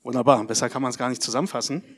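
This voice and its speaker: A man giving a baptism sermon, telling stories lively and putting questions to the congregation. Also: mid-range voice, husky. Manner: addresses the congregation directly, asks questions; lively storytelling, with pauses and hesitations. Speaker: pastor.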